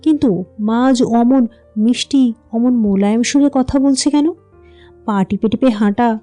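A woman narrating a classic short story in a calm, even reading voice. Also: a little high, unhurried, faint music behind.

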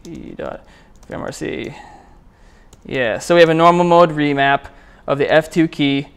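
Speaking before a small group in an indoor meetup room, this medium-pitched, clear-voiced presenter delivers a relaxed tech talk. He's at a programming meetup and runs a live demo as he goes.

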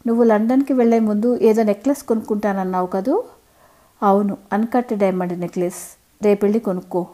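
A woman's voice: medium pitch, brisk, dark tone, lightly acted. Storybook husband in his late fifties, fond and easygoing, read by a woman narrator.

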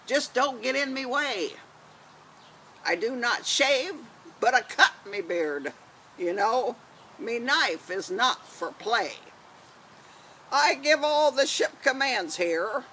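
A woman's voice: a little high, a bit bright, a little hiss or hum, exaggerated voice, poor audio. An older woman voicing a boastful, hot-tempered male pirate captain with a wart and a beard, talking in growly pirate speech, outdoors in a garden. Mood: gruff. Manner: growly pirate talk, dropped words, laughs at own menace.

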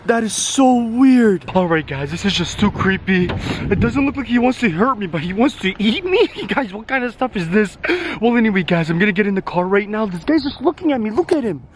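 A young man in his twenties vlogging in a dramatic, excitable way, gasping and constantly calling out to his viewers. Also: high-pitched, a little fast, a little hiss or hum. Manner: dramatic, gasping, keeps saying "guys". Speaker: YouTuber. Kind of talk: excited vlog narration. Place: outdoors at night, then indoor room. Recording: loud background music.

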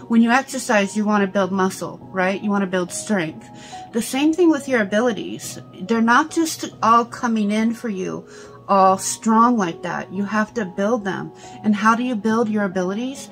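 A middle-aged woman talks through a cloth face mask in a casual teaching style. Her pitch sits in the middle range, and she explains conversationally with frequent little check-ins. Music plays behind her. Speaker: psychic medium and teacher. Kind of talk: casual instructional talk to camera. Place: small indoor room.

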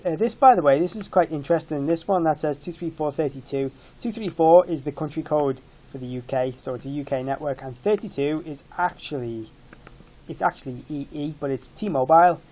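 Fairly high-pitched and mellow, a man in his thirties speaks fairly quickly as he demonstrates a tech product. His walkthrough is informal, explanatory and matter-of-fact.

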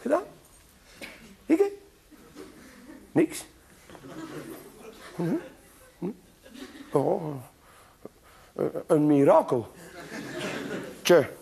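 A man's voice: on the high side, huge pitch swings, drawn-out words, creaky, pauses often, noisy background, heavily acted. A man with a Flemish accent voicing a cheeky, smug boy who works miracles, teasing and offhand. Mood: sulky.

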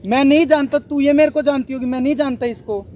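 A man's voice: very high-pitched, steady tone, fast, mellow, a little hiss or hum. A young man in a staged outdoor argument, insistently denying things and pleading to be believed. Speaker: prank video performer.

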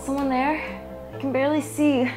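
A woman's voice: high voice, flat delivery, moderate pace, over music, lightly acted, poor audio. A young woman playing a bewildered, exasperated roommate, anxious and incredulous in a comedy drama. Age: young adult. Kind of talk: comedic web-series acting.

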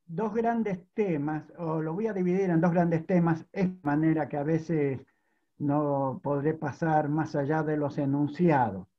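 A man's voice: a little high, fairly even intonation, a little slow. A man delivers a formal academic talk as a conference panelist. He speaks methodically and often restates his points as he goes. His voice comes through a video call with choppy, glitching audio that cuts out, and the sound is dull and lo-fi. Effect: choppy audio cutting out over a video call.

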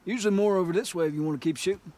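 A man playing a seasoned, protective male guide in a video game, talking in a calm, instructive way. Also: high voice, very fast, lightly acted.

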